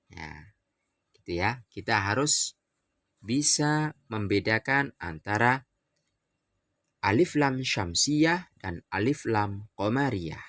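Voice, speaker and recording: Slow, patient male Quran teacher. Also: medium pitch, dry recording, clean studio sound. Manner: patient, repeats and drawls example words, corrects wrong readings. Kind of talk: slow tajwid lesson for children.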